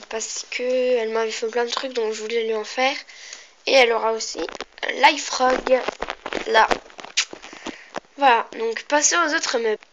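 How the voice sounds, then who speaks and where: A young woman with a slightly sick, cracking voice chats casually and hesitantly as she shows things, rambling and interrupting herself. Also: fairly high pitch. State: slightly sick, clearing throat and coughing. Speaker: amateur video maker presenting handmade doll furniture. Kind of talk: casual show-and-tell chat. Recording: dull lo-fi home recording, clear noise.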